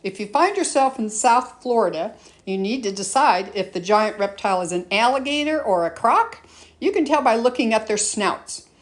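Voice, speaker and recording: A woman reading scripted educational narration in an explanatory manner, like a nature documentary for students, as a teacher presenting a lesson. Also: medium pitch.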